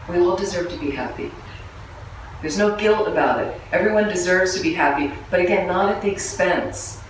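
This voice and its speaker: A woman's voice: on the low side, distant mic, slight background noise. Woman teaching in a very echoey room. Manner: conversational, humorous, asks the audience questions. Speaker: Buddhist nun and teacher. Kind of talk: dharma talk to a live group. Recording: echoey room, voice from away from the mic, faint background ambience.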